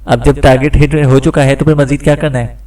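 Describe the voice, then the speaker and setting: A man's voice: mid-range voice, fairly even intonation, fast, a little mellow, recorded from a distance, natural voice. Brief: narrator playing a terse male crime boss on a call, set back from the mic. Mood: curt. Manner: clipped, curt.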